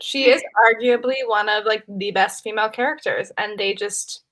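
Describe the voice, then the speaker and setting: A woman's voice: mid-range voice, normal speed, a bit bright. A woman co-hosting a casual book chat with friends, talking emphatically and laughing easily. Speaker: co-host of a book chat livestream.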